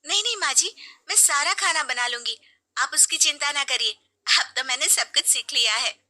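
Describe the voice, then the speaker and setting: A woman's voice: high voice, a little slow, pushed and bright, voice pushed up, heavily acted. A woman doing a polite young bride.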